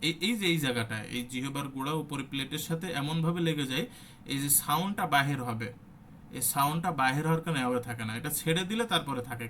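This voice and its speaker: A man teaches an online Quran recitation class, explaining step by step, sounding out letters as examples and asking listeners rhetorical check questions. His voice sits on the high side with a sharp tone, over a little hiss or hum.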